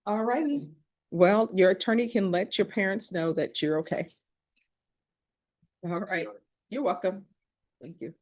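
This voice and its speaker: A woman judge presiding in a courtroom, running through formal legal admonishments in a brisk, practiced way. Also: medium pitch, a little mellow. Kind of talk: courtroom proceedings.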